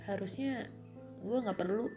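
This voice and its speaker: A woman's voice: mid-range voice, measured pace. A young woman speaking a reflective, self-critical personal monologue, slipping in English phrases. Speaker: vlogger. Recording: music playing behind.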